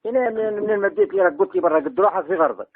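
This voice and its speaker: An Algerian man haggles over the phone in a high, husky voice. He talks quickly, dodging and soothing the other party, on a narrow, tinny line. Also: lively intonation, no room sound. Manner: evasive, placating. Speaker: debtor offering used goods instead of money. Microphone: telephone.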